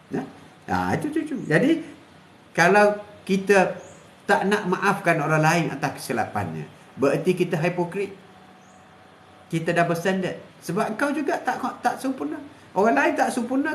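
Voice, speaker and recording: An older man, hosting a live stream and giving a preachy, repetitive moral talk, chuckling often. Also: high voice. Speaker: host. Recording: echoey room.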